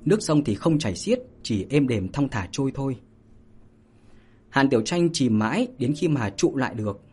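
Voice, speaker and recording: A man reading a martial arts novel aloud as narrator, steady and unhurried, with small fillers. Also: medium pitch, husky. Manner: steady storytelling with spoken fillers. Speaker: audiobook narrator. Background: faint music.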